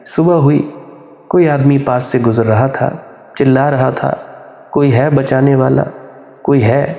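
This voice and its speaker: Echoey, mellow-voiced man preaching. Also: medium pitch. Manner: scolding, emphatic preacher addressing followers. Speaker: spiritual teacher. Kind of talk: Hindi satsang discourse. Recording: echoey hall with long reverb.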